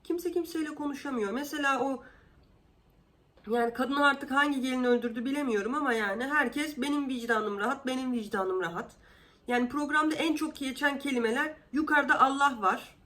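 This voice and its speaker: A woman talks straight to camera as a vlogger, fed up and sarcastic about what she is describing. Her voice sits a little high, and she keeps leaping upward on her words before dropping back down. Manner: indignant, sarcastic, exasperated; animated, with sudden pitch jumps. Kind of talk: casual commentary.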